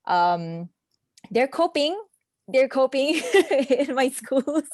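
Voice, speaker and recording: A chatty young Malaysian woman talks on a video call in a casual online conference discussion, where she's a session participant working as an assistant language teacher. Her voice is high-pitched and darkish, with big pitch swings and a slow pace, full of fillers and little laughs. The recording is studio quality with no room sound.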